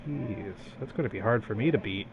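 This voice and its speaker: A man's voice: lowish voice, fairly quick, phone-quality sound. A man casually hosting a tabletop roleplaying game as game master over an online voice chat. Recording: faint background noise, online voice chat.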